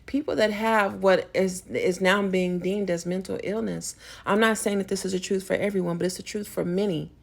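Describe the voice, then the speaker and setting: A woman's voice: medium pitch, fairly even intonation, moderate pace, gravelly, hardly any pauses. A woman vlogger delivering a spiritual rant, emphatic and preachy, rambling with frequent restarts.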